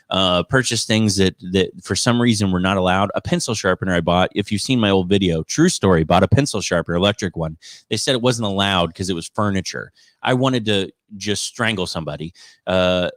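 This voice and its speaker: A man's voice: fairly low pitch, a bit bright, dry recording, studio quality. A man giving casual live commentary on education news as a podcast host, in an exasperated, sarcastic way. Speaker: teacher hosting a podcast.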